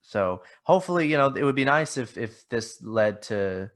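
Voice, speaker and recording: A man's voice: mid-range voice, expressive, moderate pace, fairly bright tone. A man hosting a podcast, talking modestly and hesitantly with many restarts. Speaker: podcast host. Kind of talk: casual interview chat.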